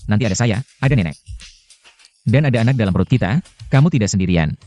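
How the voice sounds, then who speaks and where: An actor dubbing a cold, protective rich executive in a short drama, speaking curtly and commandingly. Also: male voice, on the low side, expressive, fast, dark tone, faint music behind, lightly acted. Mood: firm. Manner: curt, commanding. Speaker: lead actor.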